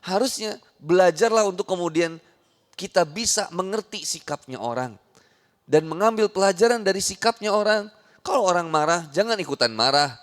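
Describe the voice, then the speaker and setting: A fairly high-voiced male preacher with a Sundanese accent, giving a lively sermon in a big hall. His voice rings out with a long reverb. He jokes and acts out small scenes along the way. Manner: animated, jokey, acts out little scenes in different voices. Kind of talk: lively sermon to a women's audience.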